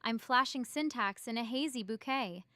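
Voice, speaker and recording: A woman's synthetic voice playing a cheerful AI chat assistant that reads out playful replies in a smooth, even delivery. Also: on the high side, normal speed. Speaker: AI chatbot on a stream.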